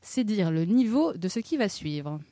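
A woman hosts a literary podcast, delivering her scripted introduction with a wry, teasing humor. Her voice is mellow and warm, recorded dry and close. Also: mid-range voice, sing-song, a little slow, no echo. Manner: wry, self-mocking, playful. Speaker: podcast host.

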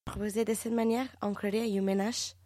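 A woman's voice: mid-range voice, flat delivery, a little fast, mellow, dry recording. A woman from Italy, a native Italian speaker, co-hosting a podcast in playful, non-native phrasing. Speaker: podcast co-host.

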